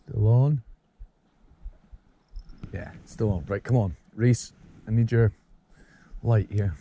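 A man's voice: fairly low pitch, slow pace, dark tone, lo-fi sound, a little hiss or hum. A man talking to himself and his friend while fishing on a rocky shore, urging the fish on and swearing now and then, heard through a head-mounted camera. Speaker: angler and channel host. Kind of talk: live fishing commentary. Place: rocky sea shore outdoors at night and dawn. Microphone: head-mounted action camera.

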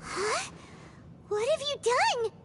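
A woman voicing a tiny, excitable, childlike fairy companion in a video game, squeaky, exclamatory and petulant. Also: slow, noisy background, exaggerated voice. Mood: puzzled. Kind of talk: video game dialogue acting.

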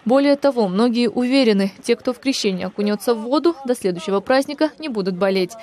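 Higher-voiced woman reading a news report. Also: lively intonation, fast, a little mellow. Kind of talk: scripted news narration.

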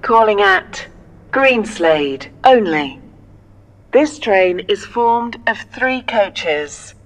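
Slow announcer woman, spliced-together words. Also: medium pitch, sing-song, poor audio. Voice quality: jumpy word-by-word volume. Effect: spliced-together recorded words. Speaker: automated station announcer. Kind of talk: recorded platform announcement.

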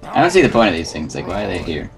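A man's voice: sits low, wildly swooping pitch, very fast, gravelly, soft background music. A man in casual gaming chat, talking in a blunt, exclamatory way to his friends. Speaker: gamer in a group play session.

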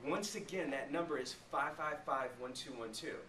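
Slightly high and bright, with a pushed delivery at normal speed, this thirtysomething man runs a forceful sales training session for a small group, regularly tossing in rhetorical check questions. The setting is a small meeting room with a flip chart, recorded on a distant camera mic a few metres away with echo and faint noise.

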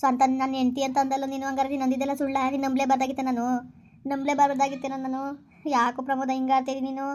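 A woman's voice: sits high, monotone, racing, a little mellow, a little hiss or hum, natural voice. A woman playing a desperate young woman who pleads tearfully and keeps repeating herself in a village comedy skit. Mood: hurt, accusing. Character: desperate young woman betrayed by her lover.

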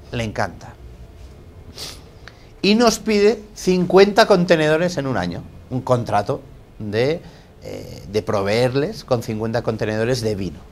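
Brief: male lecturer, small seminar room, engaging, constant check-ins with listeners, mid-pitched voice, loud and quiet phrases alternating. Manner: asks rhetorical questions, checks in with "¿de acuerdo?"; lively, shifts between loud and quiet phrases. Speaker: guest lecturer at a business talk. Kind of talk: business lecture to a small audience.

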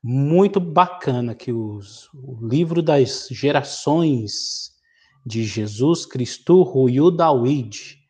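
Man, middle-aged, from Brazil, teacher, vocabulary lesson, deliberate, unhurried. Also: medium pitch, lively intonation, darkish tone. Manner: slow, deliberate reading of word lists with explanations. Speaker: Greek teacher.

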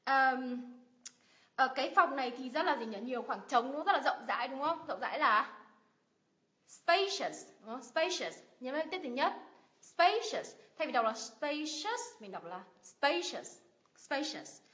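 Bright high-voiced Vietnamese woman teacher. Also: expressive, brisk. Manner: repeats words with emphatic stress, asks viewers questions. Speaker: English pronunciation teacher. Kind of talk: livestream lesson, drilling words. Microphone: livestream mic. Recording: dull lo-fi livestream audio.

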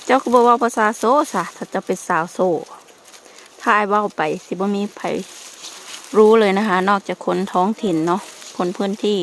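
A woman's voice: mid-range voice, moderate pace. Woman vlogger with a Sakon Nakhon Isan accent, chatty and explanatory, recorded outdoors in a forest with faint background noise. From Sakon Nakhon, northeastern Thailand. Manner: chatty, explaining as she goes, addressing viewers. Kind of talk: casual vlog commentary to viewers.

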